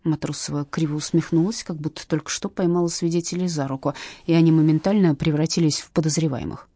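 A woman narrating a detective novel aloud in a lively, expressive way. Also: sits low, fast talker, breathy edge, no echo. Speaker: audiobook narrator.

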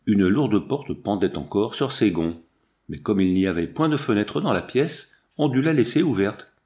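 A man reading an adventure novel aloud in a measured, dramatic storytelling manner. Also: on the low side, animated, darkish tone. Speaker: audiobook reader. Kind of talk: audiobook narration.

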